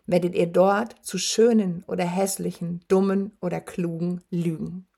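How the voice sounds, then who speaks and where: Voicing a huge male werewolf on the brink of death, a woman uses a fairly low, warm voice with fairly even intonation, a little slow. The beast taunts and gloats with menace, his voice rattling and rasping through wheezing, labored breath.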